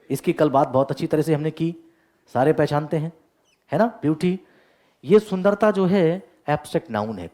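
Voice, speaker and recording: Energetic male grammar teacher lecturing a class. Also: fairly high pitch. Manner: energetic, keeps asking "yes or no?" to check understanding; joking asides to the class.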